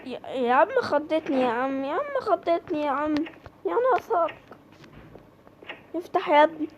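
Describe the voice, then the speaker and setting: High-voiced Egyptian woman gaming. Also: animated, normal speed, muffled recording, slight background noise. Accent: Egyptian Arabic. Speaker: gaming creator. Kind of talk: horror game let's play commentary.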